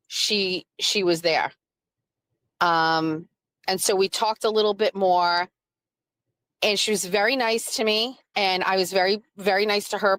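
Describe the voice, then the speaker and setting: A woman's voice: medium pitch, fairly bright tone, no echo. A woman telling a story on a live stream, rambling with many fillers and reading chat comments. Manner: rambling with frequent "like" fillers and laughs; reads and answers chat comments.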